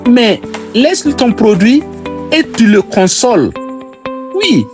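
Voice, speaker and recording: A man's voice: very high-pitched, big pitch swings, slow, music in the background. A man from Burkina Faso with a Burkinabè French accent, teaching sales techniques and repeating his key phrases for emphasis. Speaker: sales trainer.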